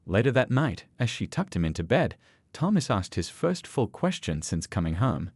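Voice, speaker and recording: A man narrating a scripted story in a measured, expressive way. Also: lowish voice, slightly rough, no echo.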